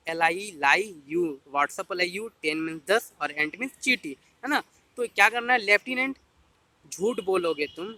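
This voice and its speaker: A man's voice: high-pitched, pushed and bright, no room sound. A man tutoring exam students in a casual explainer style, repeating points and addressing the viewer directly.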